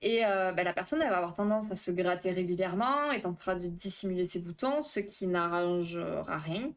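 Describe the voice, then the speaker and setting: A woman therapist chats casually on a live stream, reading viewer messages aloud while speaking fast and fumbling her words. Her voice is fairly low and expressive.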